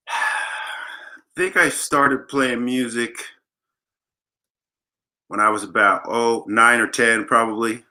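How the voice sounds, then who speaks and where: Taking it slowly and pausing often, a man with a mid-range, sharp-toned voice chats on a livestream. The guest bassist, from Los Angeles, keeps the casual interview playful with jokes and long, wandering stories.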